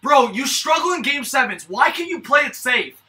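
A young man ranting and yelling in exasperation like a raging gamer while reacting live to a hockey game. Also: very high voice, expressive, moderate pace. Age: young adult. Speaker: hockey fan streamer. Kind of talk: live sports watch-along reaction. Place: small indoor room.

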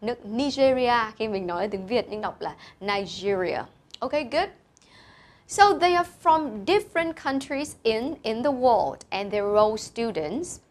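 A woman's voice: on the high side, animated, measured pace. A woman teacher, explaining vocabulary to pupils and patiently repeating each word's pronunciation. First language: Vietnamese. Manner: patient, repeats and spells out pronunciation, mixing English words into explanations. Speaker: English teacher.

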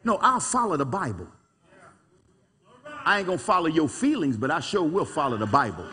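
Husky, lively preaching pastor. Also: male voice, fairly high pitch, moderate pace, big-room sound. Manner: animated preaching with call-and-response asides; folksy, colloquial speech. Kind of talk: preaching a sermon. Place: church sanctuary.

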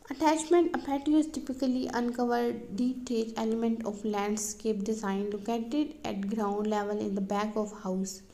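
A woman's voice: a little high, mellow, rough recording. Woman reading a garden explainer. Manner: reads questions and answers like a list, with some slips and restarts. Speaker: narrator. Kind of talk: read-aloud explainer narration.

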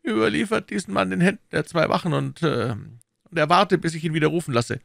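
A man's voice: a little high, a little fast, creaky, no room sound, clean studio sound, voice pushed up. A man voicing an imperious, scheming older cardinal who questions sharply, in a storybook reading. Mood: urgent. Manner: sharp, probing interrogation.

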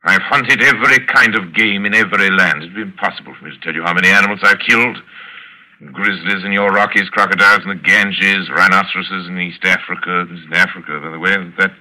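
An actor playing an urbane, menacing older aristocratic general and hunter in 1940s radio drama style, savoring his words with deliberate theatrical polish. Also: deep voice, pushed and bright, poor audio. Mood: boastful, relishing. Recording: vintage radio drama broadcast recording.

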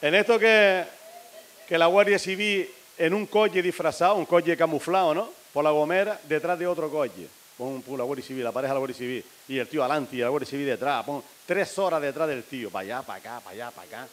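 A man's voice: a little high, fairly quick, fairly bright tone. A man telling a string of jokes to a live audience, acting out the characters' lines. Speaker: stand-up comedian.

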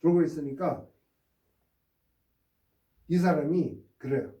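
Guy lecturing on history, high and really animated, keeps poking the class with "eh?", far off mic, roomy. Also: takes it slowly. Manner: emphatic, prods listeners with rhetorical "eh?". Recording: roomy sound from a distant mic.

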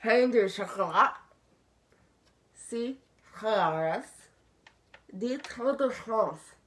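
A woman's voice: fairly high pitch, lively intonation, extremely slow. A woman in her thirties chatting playfully as she plays a party game, lisping and slurred from a mouthguard. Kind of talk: playful casual chat. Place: small room at home, around a table. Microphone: camera across the table. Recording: clear room noise, table clicks.

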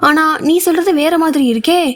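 A woman voicing an anxious, chatty young female friend who fires off rapid worried questions in an audiobook. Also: high-pitched, steady tone, lightly acted. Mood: reassuring. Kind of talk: audiobook character voice.

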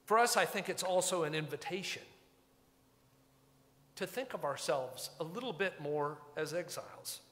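At a normal speed and with animated delivery, a pastor preaches from the pulpit of a church sanctuary. His voice is fairly high and a bit bright, his manner wry, conversational and reflective, and the room adds a long reverb.

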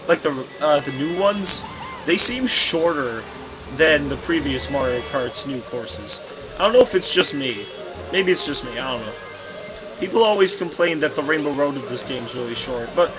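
A young man giving casual, rambling commentary while playing a racing game, often correcting himself mid-sentence. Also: on the high side. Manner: rambling, scatterbrained, self-correcting. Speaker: let's play commentator. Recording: game music playing behind.

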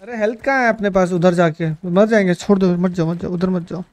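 Man streaming, quick excited callouts. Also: high-pitched, no echo. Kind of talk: casual gaming chat with teammate.

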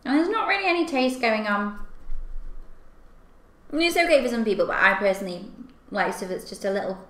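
A young woman with a fairly high, very animated voice chats casually while eating candy and snacks. She reacts expressively to what she tastes. The recording is made in an echoey room at home. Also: fairly quick. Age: young adult. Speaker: video host. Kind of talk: casual taste-test chat to camera. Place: small furnished room at home, indoors. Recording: echoey room, clear background noise.

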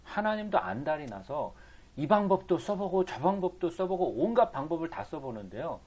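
Here a man alternates reading scripture aloud with explaining it, asking himself rhetorical questions and supplying the answers. Pitched a little high, his voice is very animated and darkish, moving at a moderate pace.

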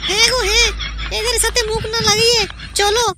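A woman voicing a calm young village wife who gently coaxes her husband along in a cartoon comedy. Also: extremely high pitch, quick pace, heavy background noise. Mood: soothing.

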